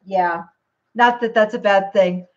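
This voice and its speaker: A woman's voice: medium pitch, unhurried, muffled recording. A grandmother hosting a cooking livestream from her home kitchen, chatting casually and speaking straight to her viewers.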